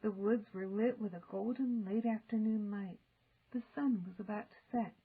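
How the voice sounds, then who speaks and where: An older woman reading a children's story aloud in an expressive, deliberate storytelling manner. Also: medium pitch, husky, narrow, tinny audio. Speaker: storybook reader. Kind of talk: expressive children's audiobook narration.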